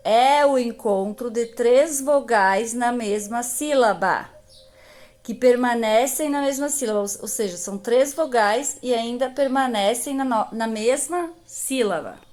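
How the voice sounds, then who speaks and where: Brazilian woman teacher for a kids' lesson, slow and patient, a touch high. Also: a little mellow. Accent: Brazilian Portuguese. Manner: slow, patient, stretches out example words. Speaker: primary school teacher. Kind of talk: recorded grammar lesson.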